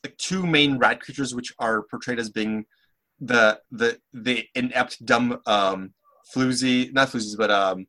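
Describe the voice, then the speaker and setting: A man's voice: medium pitch, measured pace, pushed and bright. A man in casual podcast chat, talking hesitantly with many restarts.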